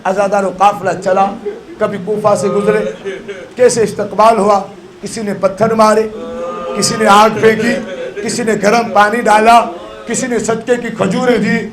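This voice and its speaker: A man's voice: high-pitched, little pitch movement. A man with a Pakistani Urdu accent preaching a mourning sermon at a house gathering, wailing in a sung lament with rising cries. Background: crowd of mourners.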